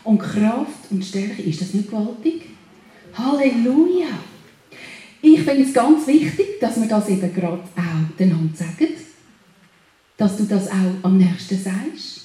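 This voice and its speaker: A woman preacher, giving a sermon in an exhorting way and rising into loud declarations. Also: medium pitch, animated, unhurried. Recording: very echoey room.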